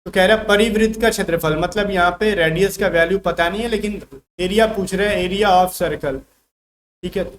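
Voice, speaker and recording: A man teaches an online math class, talking each step through aloud in a loose, casual way. His voice sits a little high for a man. A faint hiss of room noise runs under the recording. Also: steady tone, moderate pace. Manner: casual Hindi-English mix, talks through working step by step.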